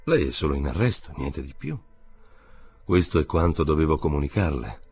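A man playing a cool, low-voiced police inspector. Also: a little hiss or hum, heavily acted. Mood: detached. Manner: calm, low and measured.

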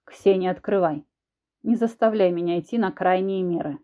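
A woman's voice: dark tone, husky. A woman doing a smug, menacing husband. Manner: low, slow, insinuating menace. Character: menacing controlling husband, grown man, smug and cruel. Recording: dull lo-fi recording.

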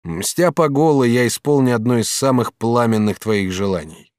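A man voicing a proud, sly and hot-tempered master artist in an audiobook, speaking firmly and with measured command. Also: medium pitch, a little mellow, no room sound, clean studio sound, close to an everyday voice. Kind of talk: audiobook character reading.

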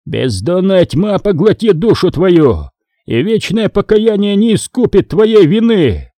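A man voicing a furious, fanatical zealot priest who roars drawn-out curses at his enemies. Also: sits high, very animated, mellow, no room sound, voice pushed up. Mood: fanatical fury.

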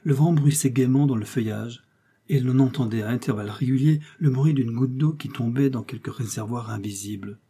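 Man reading a classic novel aloud, mellow deep-toned, a bit raspy, steady pace. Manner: measured, steady storytelling. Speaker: audiobook narrator. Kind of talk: scripted literary narration.

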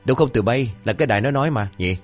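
A man's voice: mid-range voice, animated, soft background music, pitched above the performer's own voice, lightly acted. A man voicing a cheeky young village rascal who rattles off insults and blithely denies everything. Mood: breezy denial. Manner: brash and mocking, rapid-fire insults. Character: cheeky brash village boy, shameless liar.

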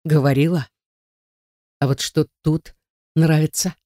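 A jealous, rough-spoken young man growls out his words, as a male audiobook reader plays him. The tone is dark and mellow. The recording is dry and close. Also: fairly high pitch, fairly even intonation, a little slow, no room sound, close to an everyday voice. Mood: bitter. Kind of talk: audiobook character voice.

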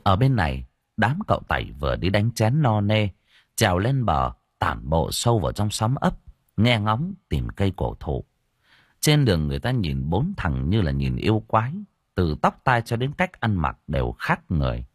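Husky, lively male storyteller. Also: deep voice, moderate pace, no room sound, studio quality. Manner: expressive storytelling. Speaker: audiobook narrator. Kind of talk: scripted narration.

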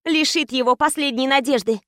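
High-voiced woman reading a tense story. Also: brisk, fairly bright tone, dry recording, clean studio sound. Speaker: narrator. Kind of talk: scripted audiobook narration.

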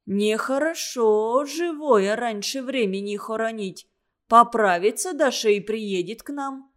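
A woman's voice: on the high side, animated, unhurried, a bit bright. A woman voicing a stern but kind older caretaker in an audiobook, scolding in folksy speech with Ukrainian words. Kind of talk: audiobook character voice.

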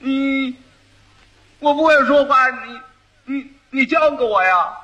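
A man's voice: very high-pitched, lively intonation, slow pace, sharp tone, dull audio, pitched above the performer's own voice, exaggerated voice. A man voicing a simple-minded young husband who stammers and giggles. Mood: stammering, giggly.

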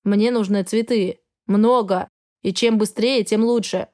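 A woman voicing a cold, arrogant male dragon husband who speaks in a flat, indifferent tone. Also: medium pitch, unhurried, natural voice.

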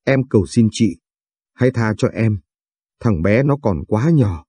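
A man's voice: lowish voice, lively intonation, a little slow, dark tone, slightly rough, no room sound. A man voicing a desperate, pleading young mother. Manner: pleading, imploring.

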